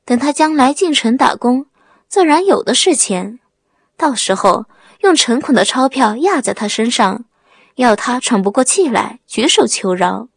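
A woman's voice: a little high, animated, measured pace, gravelly, husky, dry recording, full character voice. A woman playing a brash young village husband. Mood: blustering.

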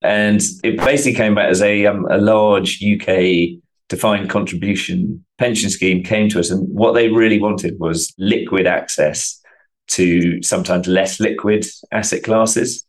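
A man's voice: low-pitched, fairly even intonation, measured pace, low-quality recording. A man giving explanatory answers as an expert guest in a remote interview. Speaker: interview guest, portfolio manager. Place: remote video call.

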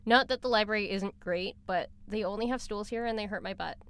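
A woman's voice: medium pitch, brisk, fairly bright tone, clear, resonant tone. Woman chatting on a podcast. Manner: chatty, frequent restarts and laughs. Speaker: podcast co-host. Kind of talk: casual podcast chat. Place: library recording room. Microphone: studio microphone.

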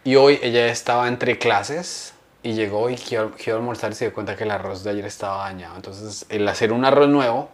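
Animated man telling stories. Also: fairly low pitch, fairly quick. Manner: animated storyteller, slangy, acts out quotes. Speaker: podcast co-host. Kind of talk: casual comedic chat.

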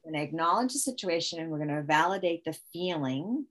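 Mom-type guest, lower register, conversational; thinks aloud with restarts and acts out sample lines to a kid. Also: female voice, lively intonation, quick pace, fairly bright tone. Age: adult parent. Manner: talks through ideas with many restarts and quoted one-liners. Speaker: parenting expert guest. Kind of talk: conversational explanation with acted example phrases.

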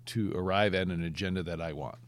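A man with a very low voice co-hosts a relaxed podcast conversation. He asks probing questions and chimes in with short agreements while the other man talks. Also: fast. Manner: questioning, interjects with short affirmations. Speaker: podcast co-host. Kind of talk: casual conversational podcast discussion.

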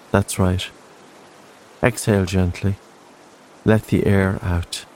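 A man with a fairly low voice narrates a guided relaxation in the slow, soothing style of a sleep story, gentle and unhurried with spaced-out phrases. The audio is poor, with slight background noise.

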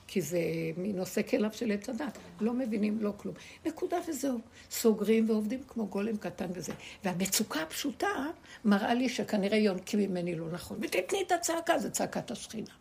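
A woman's voice: medium pitch, vocal fry, mellow, a little hiss or hum. A woman leading a spiritual teaching for a small group, speaking emphatically, repeating her words and firing rhetorical questions at her listeners.

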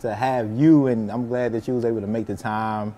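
A man hosting a podcast in a relaxed, easy conversational style. His voice sits at an ordinary middle pitch. He rambles a little, restarting sentences and dropping in fillers as he goes. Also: fairly quick. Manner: loose and chatty, with many fillers and restarts. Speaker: podcast host. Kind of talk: casual interview chat.

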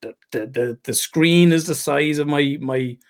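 A man's voice: fairly high pitch, normal speed. A middle-aged man, a therapist guesting on a podcast, telling a story in a chatty way, repeating words and swearing casually.

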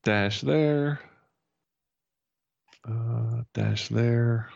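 A man's voice: medium pitch, very slow, creaky, darkish tone, no echo, highs cut off. A man running a tabletop game as game master, joking and laughing often as he narrates.

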